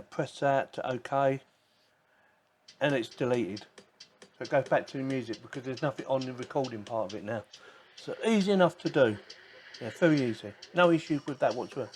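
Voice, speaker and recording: Here a man with a slightly mellow, mid-range voice provides casual unboxing and demo commentary. As a tech product reviewer, he keeps the demonstration informal, chatting and thinking out loud along the way.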